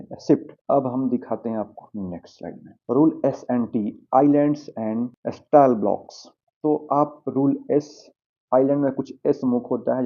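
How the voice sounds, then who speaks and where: A man teaching English pronunciation over slides, patiently asking the viewer questions and answering them himself. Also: medium pitch. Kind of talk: slide-based pronunciation lesson. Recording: tinny phone-like sound.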